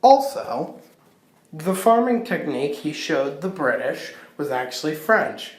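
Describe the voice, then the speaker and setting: Woman, comic history lecturer, sardonic asides, low-ish voice, roomy echo. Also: very animated, measured pace. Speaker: history presenter.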